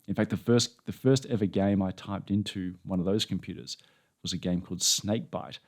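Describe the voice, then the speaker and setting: An Australian podcast host interviews a guest, chatting casually and rambling through self-deprecating anecdotes. His low voice is brisk and a little mellow, with fairly even intonation.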